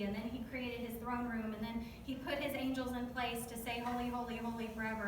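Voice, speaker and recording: Speaking to a church group in an echoey hall, a Southern US woman delivers a devotional talk full of chat, jokes and questions for her listeners. Her voice sits on the high side, and the distant recording picks up plenty of noise.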